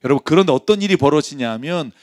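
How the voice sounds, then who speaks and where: A man preaching a sermon as pastor, conversational and lively, asking his listeners rhetorical questions. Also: a little high, rapid-fire, dry recording, clean studio sound.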